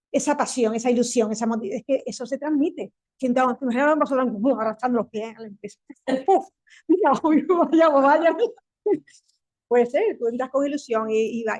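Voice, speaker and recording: An animated woman in her fifties with a Spanish accent, talking on a panel discussion. She speaks quickly, restarts her sentences and laughs often, in a voice pitched a little high. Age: 50s. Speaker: panel speaker, tech company executive.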